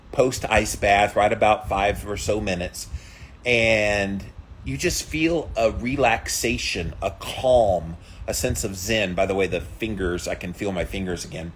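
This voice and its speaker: A man with a somewhat low voice speaks informally to his followers, like a vlogger. He stretches important words for emphasis. There is light noise behind his voice. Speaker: vlogger doing an ice bath challenge. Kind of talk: casual chat to followers.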